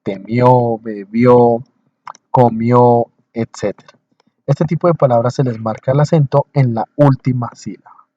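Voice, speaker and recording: A male teacher giving a recorded lecture over slides, explaining in short, slow phrases, repeating points and checking in with his listeners. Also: mid-range voice, steady tone, warm tone, muffled recording.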